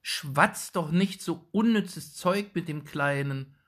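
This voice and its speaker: A man's voice: a little high, takes it slowly, a bit bright, voice pushed up. A man voicing a shoemaker's wife at a market stall who speaks curtly and impatiently. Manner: impatient, curt.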